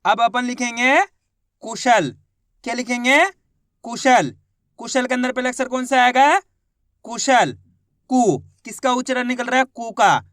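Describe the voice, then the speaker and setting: A woman teaching how to read and write Hindi words, sounding each one out slowly and repeating it. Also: on the high side, fairly bright tone, no echo, studio quality. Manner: slow, repeats each word twice, asks the viewer questions. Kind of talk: spelling lesson.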